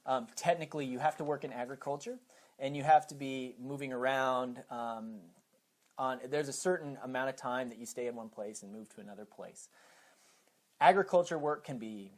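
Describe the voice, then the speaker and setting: An American-accented man speaks at a normal pace in a mid-range voice. He is a high school teacher and program coordinator being interviewed, and he explains things step by step, using examples.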